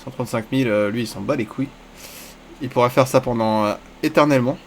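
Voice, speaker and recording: A man narrates his own online poker session as it unfolds, half to himself and half to the players. His talk is casual and crude. Every bad bet sends his voice up into a sudden high-pitched squeal. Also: fast, slight background noise. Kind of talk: live gameplay commentary.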